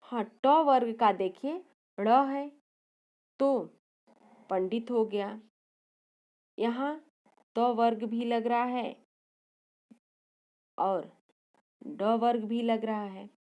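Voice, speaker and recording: Slow, careful woman teaching grammar. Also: on the high side, a little mellow. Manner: explains step by step, sounding out letters; corrects herself mid-sentence. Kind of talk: slide-based grammar lesson.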